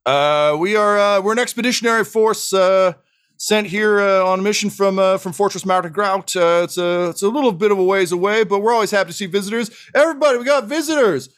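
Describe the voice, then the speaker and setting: A man voicing a jumpy, friendly male dwarf guard who stammers and gets excitable. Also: high voice, fast talker, voice pushed up. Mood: welcoming.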